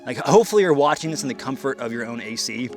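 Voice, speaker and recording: A man's voice: medium pitch, expressive, quick pace, darkish tone, soft background music. A man talking casually and informally to camera as a vlog host, outdoors, with plenty of slang. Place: outdoors in trenches at a shooting range.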